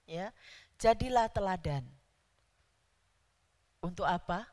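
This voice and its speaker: A woman preaching a sermon in a church, stressing key words loudly. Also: mid-range voice, takes it slowly. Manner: emphatic, rising to loud stresses on key words. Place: church hall. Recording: church hall reverb.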